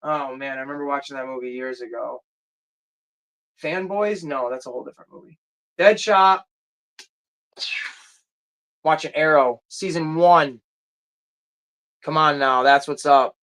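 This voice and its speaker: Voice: mid-range voice, a little slow, long pauses, fairly bright tone. Casual livestream host, rambling, chatty, answers chat, mid-range voice. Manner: rambling, searches aloud for titles; chatty, drifts off topic. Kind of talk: casual chat reading viewer comments.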